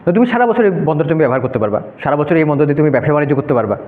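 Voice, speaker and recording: A man's voice: fairly high pitch, very animated, rapid-fire. A young man giving an informal classroom lecture, talking students through a map and often checking "okay?". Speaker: debate workshop instructor. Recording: echoey room, phone-like narrow sound.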